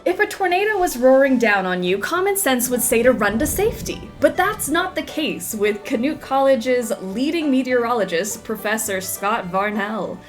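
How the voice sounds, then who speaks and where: A woman's voice: a little high, animated, normal speed, few pauses, soft background music. A woman giving playful, casual game commentary and reading on-screen text aloud. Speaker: game streamer.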